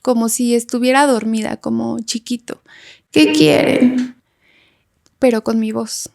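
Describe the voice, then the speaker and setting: A young woman with a Mexican Spanish accent telling a story in a casual podcast chat, animated and laughing often as she acts out voices. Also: fairly high pitch, moderate pace, vocal fry. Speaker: podcast guest.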